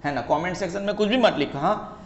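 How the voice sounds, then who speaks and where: A man's voice: high-pitched, fast, a little hiss or hum. A male economics tutor giving a playful classroom lecture, joking and teasing an imagined student and mixing English terms into his talk. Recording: echoey, dull lo-fi room.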